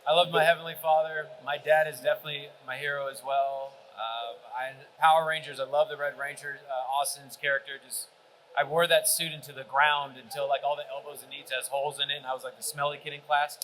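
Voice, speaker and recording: Man, convention panel, eager storyteller, bright tone, faint room noise. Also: fairly high pitch, level tone, brisk, rough recording.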